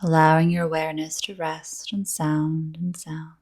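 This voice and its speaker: With a low voice and a flat delivery, a woman teaching yoga nidra leads a guided meditation. Her tone is soft, breathy, and calming, and her phrases are separated by long pauses.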